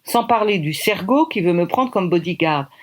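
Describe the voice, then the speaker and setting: A woman author reading her own novel aloud, with lively, expressive first-person narration. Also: on the low side, moderate pace. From France.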